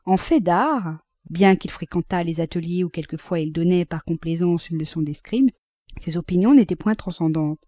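A woman narrating a classic novel as an audiobook, reading at a measured, even pace. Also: on the low side, no room sound.

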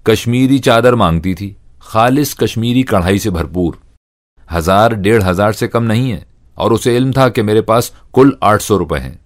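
A man's voice: fairly low pitch, normal speed, close to an everyday voice. A man voicing a jolly, hard-up middle-aged friend who protests and laughs a lot in a told story. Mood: jovial.

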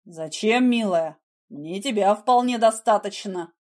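A woman's voice: medium pitch, a little slow, a little mellow, lightly acted. A woman voicing a menacing, mocking husband in an audiobook, with a smug, taunting manner. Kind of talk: audiobook character voice.

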